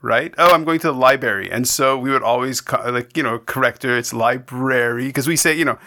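A Canadian podcast host chats casually in an interview, his medium-pitched voice bright, forceful, and a little fast. He rambles, restarting often and drifting into digressions.

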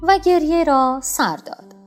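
A woman with a high voice reads a children's fable aloud, telling it expressively. Faint music plays underneath her narration. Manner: expressive, even storytelling. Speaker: storyteller. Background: soft music.

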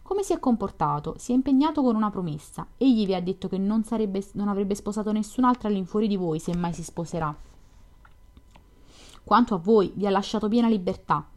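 A woman's voice: medium pitch, moderate pace, long pauses, darkish tone, lightly acted. A woman voicing a young man from a classic storybook, an eager dreamer who earnestly persuades and reassures. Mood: fervent.

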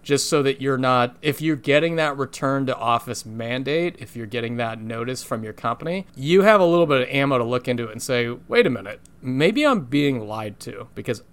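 A man's voice: medium pitch, a little fast, few pauses, clear, resonant tone. A man hosting a podcast from home, chatty and fired up, laughing often and digging into his topic. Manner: energetic, ranting, laughs often. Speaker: podcast host. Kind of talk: casual podcast chat.

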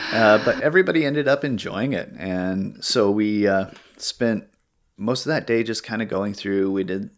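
A man's voice: fairly low pitch, normal speed. A man hosting a podcast, telling a story in a rambling, hesitant way over casual chat. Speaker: podcast host.

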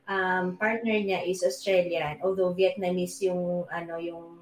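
A woman's voice: on the low side, steady tone, measured pace. A woman, chatting in a mix of Tagalog and English and explaining at length while she searches for words. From Philippines. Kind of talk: casual chat mixing Tagalog and English. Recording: echoey room.

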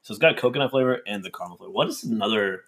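A man co-hosting a podcast, chatting casually in a quick, laid-back, joking way. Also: lowish voice, a bit bright. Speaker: podcast co-host. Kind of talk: casual chat.

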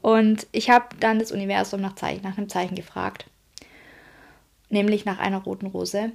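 A woman coach tells a personal story to her audience, emotional and direct, often turning to address her listeners. Her voice has a steady, gravelly vocal fry running through it. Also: medium pitch, moderate pace. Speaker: self-employed coach.

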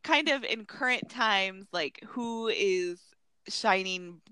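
A woman podcast co-host with a bright voice that swings widely in pitch. She chats casually and playfully in a giggly, halting way, sounding close and dry. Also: animated, smooth, no echo. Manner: informal, playful, giggly, frequent hesitations. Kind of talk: casual chat.

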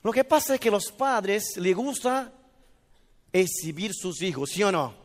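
Lively high-voiced male preacher in a hall. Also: measured pace. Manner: lively, asks the audience questions, acts out little scenes. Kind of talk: sermon. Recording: reverberant hall.

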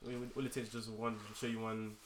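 A man's voice: fairly low pitch, little pitch movement, fast. A young man from London with a roadman accent, chatting casually in slang, repeating himself and checking that others follow. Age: young adult. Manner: slangy, repetitive, checks listeners follow him. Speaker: podcast co-host. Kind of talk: casual group chat. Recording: echoey room, clearly noisy, clicks.

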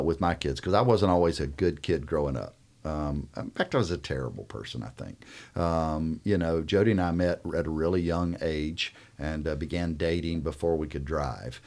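A man hosting a casual faith-based conversation with young guests, thoughtful and rambling with many fillers. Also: extremely low pitch. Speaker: host.

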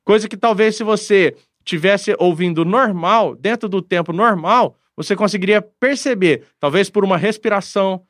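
A man talking earnestly and reflectively with a pastor, pausing often to find his words. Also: high-pitched, fairly bright tone, no room sound, clean studio sound. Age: adult, father of a daughter. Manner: earnest, reflective, frequent hesitations. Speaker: guest speaking with a pastor. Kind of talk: casual conversational talk.

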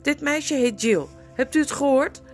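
A woman's voice: mid-range voice, expressive, measured pace, over music, natural voice. A woman voicing a sleepy, flustered old male owl who hoots and mutters to himself. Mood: fussy.

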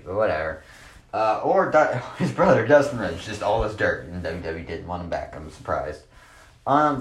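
Male solo host, low-ish voice, rambling sarcastic rant, echoey room. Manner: sarcastic, rambling, dismissive asides. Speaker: podcast host. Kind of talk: casual solo sports rant.

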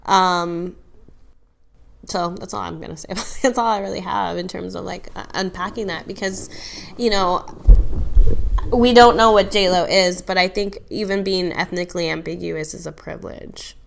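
A woman's voice: fairly low pitch, fairly even intonation, normal speed, vocal fry. A woman co-hosting a podcast in casual conversation, thoughtful and hesitant, with many fillers and restarts. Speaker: podcast co-host.

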